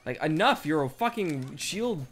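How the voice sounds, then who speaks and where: Low-voiced sardonic young woman gamer. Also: lively intonation, measured pace, husky. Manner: sardonic, blunt, swearing. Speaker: let's play co-host. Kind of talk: casual gameplay chat.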